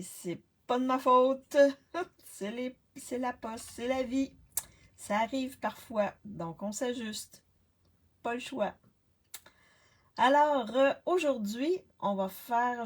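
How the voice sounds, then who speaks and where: Slow-talking woman in her sixties. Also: medium pitch, a little mellow. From Canada. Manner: chatty, many fillers and restarts, greets viewers. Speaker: card-making demonstrator hosting a live stream. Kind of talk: casual live-stream chat. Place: home craft workspace. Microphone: laptop webcam on a desk.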